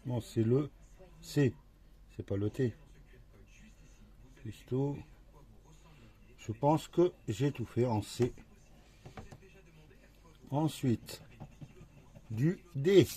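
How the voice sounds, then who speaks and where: This man has a warm, mid-range voice. Scratching a lottery ticket for his vlog, he murmurs to himself at a slow pace, revealing it one letter at a time.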